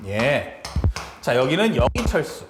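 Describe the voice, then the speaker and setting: A man teaching math in a lively lecture and acting out characters' lines as he explains. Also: mid-range voice, takes it slowly. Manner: animated, acts out characters' lines in quotes. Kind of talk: lively lecture with acted-out family dialogue. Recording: echoey room with clear background noise.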